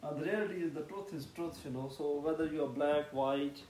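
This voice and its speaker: A man talking in a halting way as a podcast guest, repeating words and using unusual grammar. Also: fairly high pitch, darkish tone. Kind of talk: casual chat. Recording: echoey room with faint hiss.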